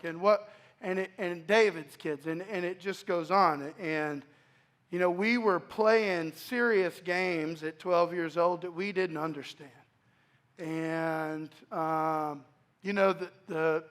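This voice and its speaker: Speaking into the pulpit mic of a church sanctuary, a man in his forties from East Dallas, Texas shares his testimony as a guest speaker. His slightly high voice is a bit bright, clear, and resonant, and his reflective telling of his life story halts and restarts many times.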